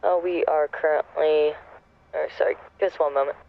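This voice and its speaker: Halting male pilot over a tinny cabin speaker. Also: a little high, fairly even intonation, gravelly. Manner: halting, many fillers and self-corrections. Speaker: airline pilot. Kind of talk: in-flight cabin announcement. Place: airplane cockpit. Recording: tinny cabin PA with engine hum.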